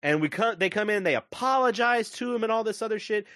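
A man co-hosting a casual movie review podcast, retelling a plot with profane, excitable energy. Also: fast talker, no room sound, studio quality. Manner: profane, excitable storytelling with big pitch swings. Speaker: podcast co-host.

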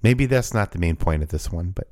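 A man with a lowish voice that jumps around a lot, chatting eagerly on a podcast. He is animated and laughs easily as the talk goes back and forth. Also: a little fast, no echo, studio quality. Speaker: podcast co-host. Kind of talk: casual chat.

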